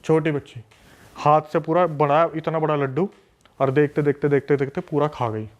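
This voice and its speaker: A podcast guest, a man from a city, telling a story in an animated, emphatic way with lots of repetition. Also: a little high, normal speed. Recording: dull lo-fi recording.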